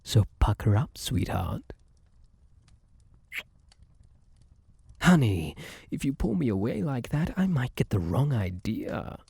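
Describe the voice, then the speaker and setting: A man's voice: mid-range voice, big pitch swings, moderate pace, creaky, mellow, breathy edge, no room sound, full character voice. A man playing a suave, possessive luck spirit in an ASMR roleplay, flirtatious and theatrical, teasing and coaxing with pet names, close on the mic. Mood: amorous, insistent.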